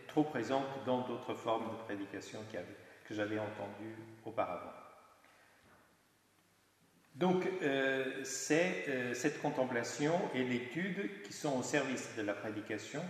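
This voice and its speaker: Man in a very echoey hall. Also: medium pitch. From Portugal. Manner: thoughtful, explanatory, frequent hesitations. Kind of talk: lecture on religious art history. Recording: very echoey hall with long reverb.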